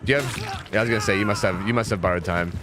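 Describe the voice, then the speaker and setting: A young man streaming live gameplay commentary, animated and swearing freely, jumping into high-pitched panic. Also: very fast, background noise.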